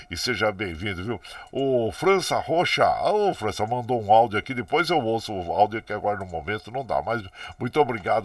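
A man's voice: lowish voice, no room sound. A Brazilian man with a caipira country accent hosting a casual radio show, chatting in a folksy way as he greets listeners. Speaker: radio host.

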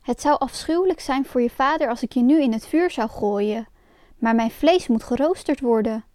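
A woman playing a gruff puppet master. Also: fairly high pitch, moderate pace, no echo, clean studio sound, lightly acted. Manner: bossy, shouting. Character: gruff scary male puppet master, softens.

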